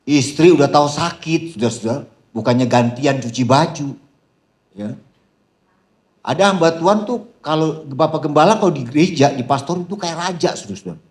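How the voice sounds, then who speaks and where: A man preaching at a seminar in a lively, animated style, calling out to the crowd and shouting some punchlines. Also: fairly high pitch. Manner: addresses the crowd as "Saudara", calls out "haleluya". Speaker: pastor. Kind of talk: seminar sermon.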